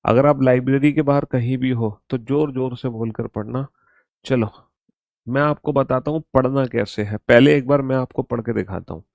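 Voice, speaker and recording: A man teaching an online exam-prep reasoning class, dictating slowly to his students and repeating each instruction. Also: mid-range voice, gravelly, a little mellow, no echo.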